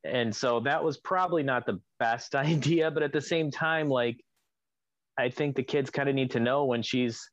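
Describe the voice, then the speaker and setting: A man of middle pitch talks in a loose, rambling way, full of "um" and "like" and half-started phrases. His voice comes through a dull, slightly lo-fi recording with no room echo at all. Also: moderate pace. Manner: rambling, with many fillers and restarts. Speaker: divorced father telling a story. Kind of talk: casual spoken account of a co-parenting conflict.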